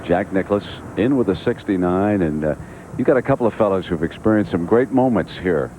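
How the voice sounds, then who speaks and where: A man's voice: sits low, expressive, a little fast, warm tone. A man anchoring live television golf commentary as a golf commentator, calling the play outdoors. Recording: noisy outdoor golf broadcast.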